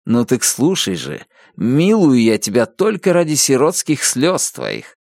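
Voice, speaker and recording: Brief: man playing a sadistic officer, syrupy and sanctimonious, lively swings in pitch, dry close mic. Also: measured pace, creaky, dry recording, full character voice. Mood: mock-gentle. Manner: mock-gentle, sanctimonious. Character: sly, cruel male officer feigning kindness.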